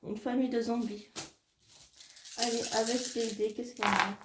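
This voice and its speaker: A woman from France thinking aloud in a casual solo video, soft-spoken and hesitant, laughing often as she draws cards and dice. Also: fairly high pitch, flat delivery, normal speed, roomy sound, heavy background noise. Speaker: illustrator doing card and dice draws.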